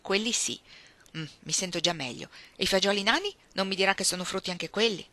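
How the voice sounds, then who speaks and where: A woman reading aloud and voicing an elderly, chatty, gentle old woman who talks fondly about food and her dreams. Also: medium pitch, fairly quick, no echo, natural voice. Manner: chatty, fond storytelling.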